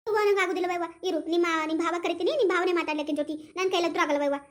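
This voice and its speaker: A woman's voice: very high-pitched, steady tone, racing. A woman voicing a fussy village mother who scolds her daughter about a marriage match, in a North Karnataka Kannada accent. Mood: exasperated. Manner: scolding, exasperated. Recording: roomy echo.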